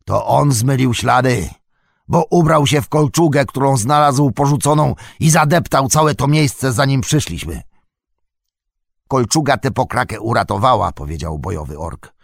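A man voicing a brutal, threatening male orc soldier in an audiobook reading, with a gravelly, barking delivery. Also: medium pitch, moderate pace, no echo, clean studio sound. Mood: grumbling.

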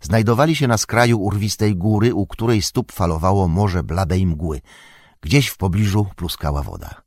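A man narrating an audiobook of a fantasy novel in a steady, measured storytelling manner. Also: low voice, no echo, clean studio sound.

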